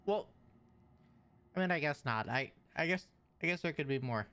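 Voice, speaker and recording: A man streaming a video game, commenting live to chat in an excitable way and repeating words in bursts. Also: fairly high pitch, normal speed, smooth.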